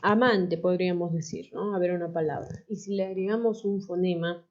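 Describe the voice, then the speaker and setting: A woman's voice: fairly low pitch, steady tone, fairly quick, a little mellow. A woman teacher, patiently explaining a lesson and checking in with the class with frequent tag questions. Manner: patient, asks questions and tags "¿no?" often. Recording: dull lo-fi recording.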